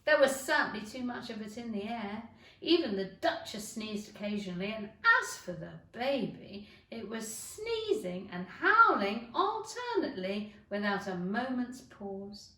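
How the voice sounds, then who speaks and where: A woman giving an expressive storybook narration. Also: medium pitch, measured pace. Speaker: teacher reading to schoolchildren. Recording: roomy echo, distant mic.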